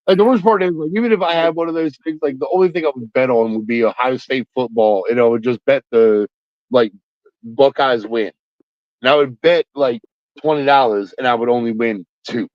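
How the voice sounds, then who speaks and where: A man's voice: mid-range voice, moderate pace, no room sound. A man co-hosting a casual sports chat, blunt and profane, joking and saying "like" a lot. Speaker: podcast co-host. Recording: dry, slightly dull sound.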